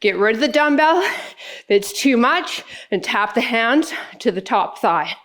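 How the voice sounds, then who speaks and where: Female fitness instructor, slightly high pitch, encouraging, calling counted workout moves in short cues. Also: lively intonation, measured pace, a bit bright.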